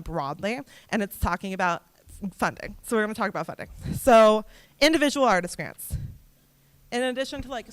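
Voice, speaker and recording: A young woman leading a theater festival workshop in a casual, chatty way, full of fillers and quick asides. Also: mid-range voice, smooth, dry recording. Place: workshop room.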